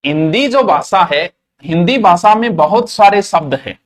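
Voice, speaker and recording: Man, grammar teacher, marwari accent, high voice, asks and answers his own questions. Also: expressive, unhurried. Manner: mixes Marwari words into Hindi, asks questions and answers them. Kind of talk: classroom grammar lesson.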